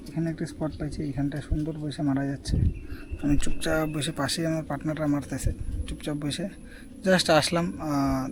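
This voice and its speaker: A man's voice: on the high side, background noise. A man fishing by a river, chatting casually to the camera as he shows each catch. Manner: chatty, shows off each catch, asks "ঠিক আছে?" often. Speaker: fishing vlogger. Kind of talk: casual outdoor vlog narration. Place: outdoors by a river among rice fields.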